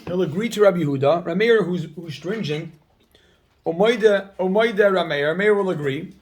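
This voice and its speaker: A man leads a Talmud class in a notably high voice. He drills each phrase by repeating it again and again and presses his students with energetic emphasis. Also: moderate pace. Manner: repeats key phrases over and over, drilling the point. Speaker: Talmud teacher. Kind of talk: Talmud class reading and explaining text.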